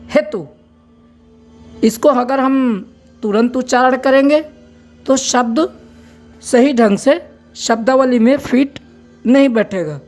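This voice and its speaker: Casting: woman teacher, higher voice, very slow and patient, faint music underneath. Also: darkish tone. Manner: patient, spells words out and explains step by step. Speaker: braille teacher. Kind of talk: slow spoken lesson.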